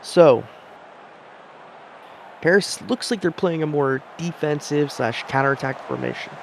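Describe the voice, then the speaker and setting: A man's voice: fairly high pitch, unhurried, vocal fry, slight background noise. A young man giving casual, rambling commentary on a simulated soccer match, with chatty self-deprecating asides.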